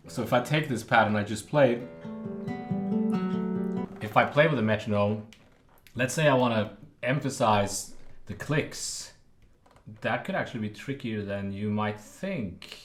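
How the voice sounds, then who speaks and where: Man, guitar teacher, casual lesson, lowish voice, relaxed, roomy room sound. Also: measured pace, long pauses. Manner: relaxed, explanatory, with fillers and sung counting. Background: acoustic guitar playing.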